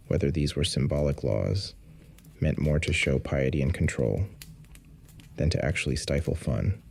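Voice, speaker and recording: A man narrating a scripted bedtime history story in a calm, unhurried way, with wry asides. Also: extremely low pitch, vocal fry, a little hiss or hum.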